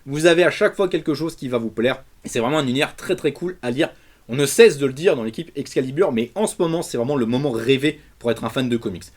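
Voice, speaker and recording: A man's voice: medium pitch, quick pace. French man enthusing about comics. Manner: animated, colloquial, emphatic. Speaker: comics reviewer. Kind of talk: casual enthusiastic video review.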